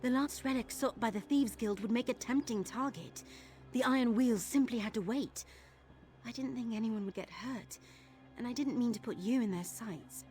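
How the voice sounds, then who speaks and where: A young adult woman, an actress, voices an earnest young thief hunting for her missing father in a video game, speaking in a confiding, worried yet determined way. Her fairly high voice moves at a normal speed, a little mellow and close to everyday speech. Game music plays behind her lines.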